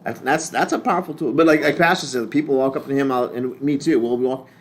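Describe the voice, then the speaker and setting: A man's voice: medium pitch, fast. An older man teaching a lay ministry class in a casual, rambling way, often restarting his sentences.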